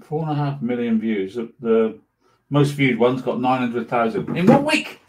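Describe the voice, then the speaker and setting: A man's voice: mid-range voice, very animated, normal speed, darkish tone. A man talking casually to his followers on a livestream in a rambling, pleased-with-himself way.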